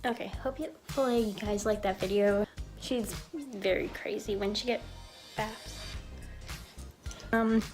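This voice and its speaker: A woman's voice: medium pitch, unhurried, long pauses, a little mellow. A woman vlogger talking casually to her viewers in an informal home video. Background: music.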